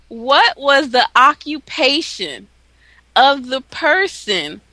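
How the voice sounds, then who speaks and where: A woman hosting a trivia segment on internet radio, giving clear, unhurried instructions to the panel and the listeners. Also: fairly high pitch, pushed and bright, no echo, rough recording. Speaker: quiz host.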